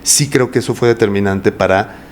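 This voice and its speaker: A man's voice: fairly low pitch, brisk. A man with a Mexican accent, a voice coach talking at length in a casual interview and often asking rhetorical questions. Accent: Mexican Spanish. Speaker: voice coach guest.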